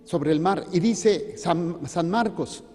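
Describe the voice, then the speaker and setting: High-voiced priest preaching in a hall. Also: male voice, takes it slowly, a little mellow, breathy edge. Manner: joking, asks the congregation questions. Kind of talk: sermon. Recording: reverberant hall.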